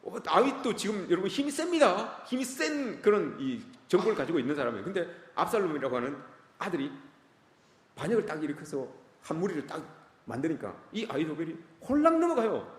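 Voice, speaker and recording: A man preaching a sermon as pastor, animated and often putting questions to the congregation. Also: a little high, brisk. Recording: echoey church hall.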